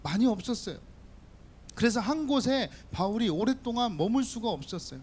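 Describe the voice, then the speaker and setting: Lively high-voiced man preaching to teens. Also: fairly quick, husky. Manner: lively, talks directly to students with questions and jokes. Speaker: youth pastor. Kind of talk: sermon to teenagers. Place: church hall.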